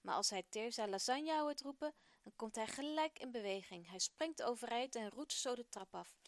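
A woman presenting a children's radio program, telling a story in a lively, expressive way. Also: a little high, moderate pace, dry recording.

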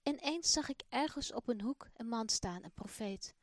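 A woman voicing a sick, guilt-ridden old father in a children's Bible story, speaking haltingly. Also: a little high, lively intonation, dry recording, clean studio sound, lightly acted. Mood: remorseful.

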